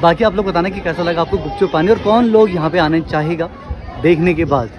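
A man's voice: fairly high pitch, fairly quick, muffled recording. A man in his thirties, chatting cheerfully to his viewers while walking through a busy tourist spot outdoors, filming on a phone held at arm's length. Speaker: family vlogger. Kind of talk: casual travel vlog narration. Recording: loud crowd and noise around.

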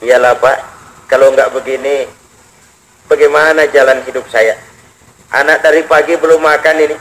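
A man's voice: medium pitch, fairly even intonation, moderate pace, a bit bright, pitched below the performer's own voice, natural voice. A preacher voicing a poor, desperate mother of hungry children, talking in a weary, pleading tone.

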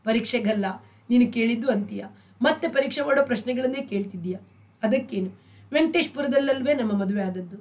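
An aloof husband in a storybook reading, flat and unmoved, stating things like a lawyer closing a case, as a woman narrator puts him on. The reader's voice stays fairly high and sounds distant from the mic. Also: a little fast, lightly acted. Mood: matter-of-fact. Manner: flat, matter-of-fact.

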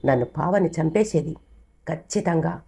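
A woman's voice: sits low, normal speed, gravelly, warm tone, breathy edge, full character voice. A woman voicing a frightened young man.

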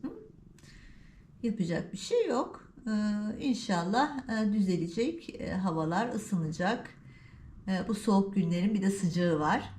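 A woman's voice: medium pitch, expressive, unhurried, darkish tone, reverberant, a little hiss or hum. A middle-aged woman vlogging with her cats at home, talking to them in a playful, teasing baby-talk voice. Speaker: cat vlogger. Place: home by a balcony.

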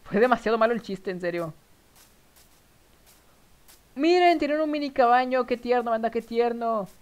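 This casual live game commentary comes from a young man with a northern Mexican accent who rambles to viewers with nervous giggles. He talks at a normal speed in a very high, smooth voice.

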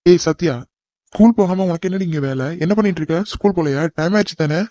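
A man's voice: fairly high pitch, very fast, a little mellow, dry recording, highs cut off, close to an everyday voice. A man voicing a stern scolding elder brother. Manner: scolding, commanding. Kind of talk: cartoon voice acting.

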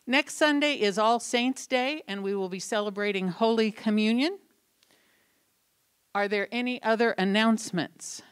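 A woman in her sixties leading church announcements and a gentle prayer in a sanctuary, speaking into a handheld mic. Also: on the high side, unhurried, clean tone. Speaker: worship leader. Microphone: handheld mic at a lectern.

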